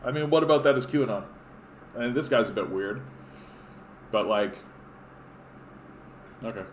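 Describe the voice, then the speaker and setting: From a room at home, a man from Canada runs a laid-back political stream, sarcastically responding to chat comments as he reads them. He speaks at a medium pitch and normal speed, with lots of fillers and restarts, in roomy audio with slight background noise.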